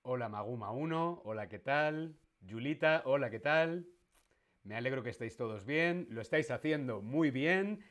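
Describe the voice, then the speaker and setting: A man's voice: mid-range voice, animated, moderate pace, fairly bright tone. A man with a Spain Spanish accent teaching a live-streamed language lesson, playful and quizzing his viewers, repeating each question. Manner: makes animal noises in jest.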